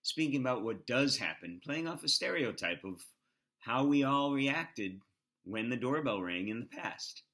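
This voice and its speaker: A man hosting, explaining comedy clips in a relaxed, explanatory way with hesitant fillers. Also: medium pitch, unhurried. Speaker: host.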